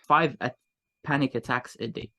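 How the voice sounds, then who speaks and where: A man's voice: medium pitch, moderate pace, bright, forceful tone. A young man with a Moroccan accent, telling his own story candidly in an interview in a reflective, casual way. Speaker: guest, agency owner.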